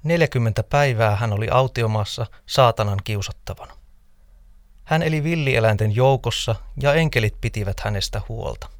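A man in a scripted scripture reading, narrating in a measured, steady manner. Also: mid-range voice, no room sound, studio quality. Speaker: scripture reader.

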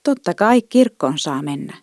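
A woman voicing a calm, patient young father who speaks slowly and reassuringly. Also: a little high, dry recording, studio quality.

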